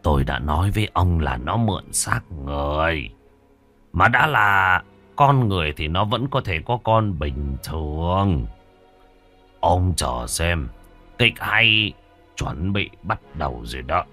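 A man voicing a calm, knowing exorcist who speaks slowly in a ghost story. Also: deep voice, faint music behind, exaggerated voice. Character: calm, cunning male exorcist, middle-aged.

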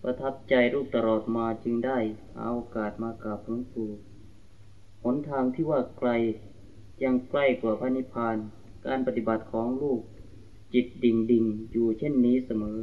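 A man's voice: mid-range voice, steady tone, moderate pace. Man reading aloud, distant and tinny. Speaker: reader of a disciple's letter. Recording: distant, tinny lo-fi archival tape.

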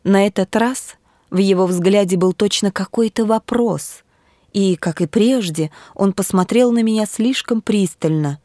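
A woman narrates a literary audiobook in a measured, steady way. The recording is dry and close, with no room sound. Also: medium pitch, dry recording.

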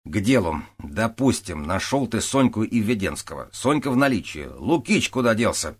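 Stern sarcastic captain, tired middle-aged cop, audiobook voice, done by a man, husky. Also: on the low side, big pitch swings, normal speed, pitched above the performer's own voice. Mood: exasperated. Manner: stern, sarcastic, barking orders. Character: weary, exasperated middle-aged male police captain. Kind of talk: audiobook character voice.

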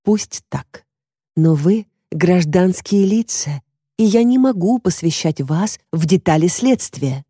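An impatient woman police detective, voiced by a female narrator in an audiobook, curt and official. The voice is low and dark with a dry, close sound. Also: animated, slow, breathy edge, no echo, heavily acted.

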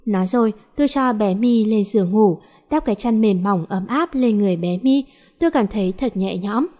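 A woman's voice: medium pitch, animated, normal speed, a little mellow. A woman reading a first-person story aloud, voicing the characters' lines with small lifts in her voice.

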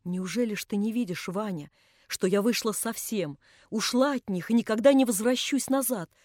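A woman reading the part of a young woman who speaks in hushed, despairing tones. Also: mid-range voice, normal speed, dry recording, clean studio sound, natural voice. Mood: quiet despair.

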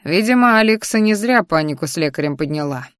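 A woman's voice: on the low side, animated, fast talker, clean tone, no echo, studio quality, natural voice. Woman reading as a sly genial father. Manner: warm, sly, courteous. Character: good-natured sly middle-aged father, man.

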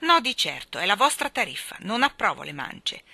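A woman voicing a stern, domineering old spinster who scolds in a booming voice. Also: very animated, moderate pace, vocal fry, bright, forceful tone, slightly rough, no echo, exaggerated voice. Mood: scolding.

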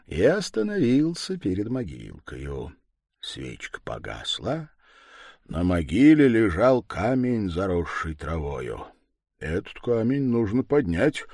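A man reading a classic tale aloud with a dramatic, animated delivery. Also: deep voice, dry recording, clean studio sound. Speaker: storyteller. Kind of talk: expressive reading of a literary tale.

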